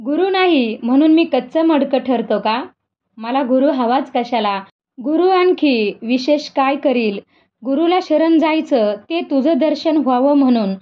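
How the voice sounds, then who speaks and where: A woman's voice: sits high, expressive, unhurried, lo-fi sound. A woman voicing a young male devotee, emotional and tearful, pleading and asking questions.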